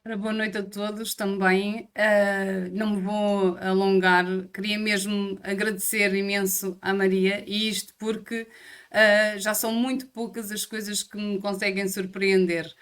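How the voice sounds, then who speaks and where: A woman's voice: medium pitch, little pitch movement, unhurried, fairly bright tone, clean tone. A woman with a European Portuguese accent, co-hosting a talk show and speaking hesitantly with many filler sounds. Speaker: psychologist co-host. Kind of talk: warm-up remarks on a talk show.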